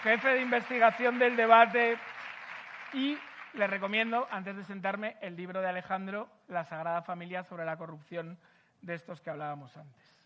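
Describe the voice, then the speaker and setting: A man's voice: high voice, little pitch movement, moderate pace, muffled recording, crowd noise, noisy background. A man hosting a political event, delivering an emphatic speech full of rhetorical repetition before moderating a panel.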